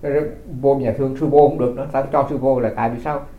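A man's voice: medium pitch, steady tone, fast talker, roomy sound, narrow, tinny audio. A man who is a Buddhist monk from Vietnam, giving a dharma talk as folksy storytelling, often repeating his words.

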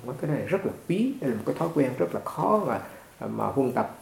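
Male monk, mid pitch, easygoing storytelling sermon, roomy echo. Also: fast, creaky. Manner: conversational, repeats words, animated when retelling. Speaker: Buddhist monk teacher. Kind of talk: dharma talk with storytelling. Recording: echoey room.

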